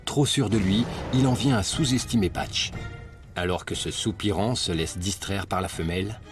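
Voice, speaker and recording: A man delivering scripted nature documentary narration in a measured, dramatic storytelling manner. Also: low-pitched. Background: prominent music.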